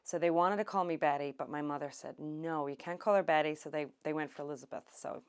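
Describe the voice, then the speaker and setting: A middle-aged woman from Ireland, recalling her country childhood in an oral history interview, unhurried and thoughtful with many pauses. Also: sits low, steady tone, clean tone. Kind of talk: reminiscing interview.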